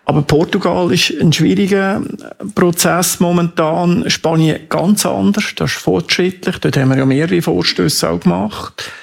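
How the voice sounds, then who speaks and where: Gravelly, husky Swiss German man. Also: high-pitched, moderate pace. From Switzerland. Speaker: campaigner, interviewee. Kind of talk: earnest interview answers.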